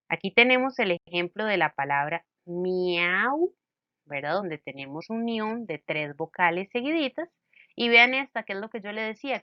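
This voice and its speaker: Lively woman teacher, muffled and dry. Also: mid-range voice, dry recording. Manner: lively, playful, addresses students directly with rhetorical questions. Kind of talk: explaining grammar in a recorded lesson.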